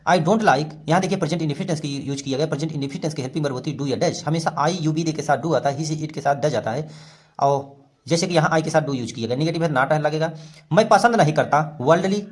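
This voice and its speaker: A man teaching English in a voice-over lesson, reading story lines slowly and then explaining them word by word. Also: fairly high pitch.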